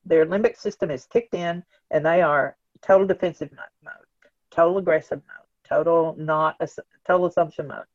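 A guest expert on organizational change explains ideas earnestly and conversationally in a mid-range voice at normal speed. He often asks questions aloud, acts out quotes, and checks in with "right?". The lo-fi recording is dull and dry, with no echo.

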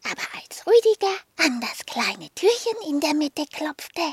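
A woman reading a children's story aloud in a soft, half-whispered storytelling voice. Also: sits high, very animated, a little slow.

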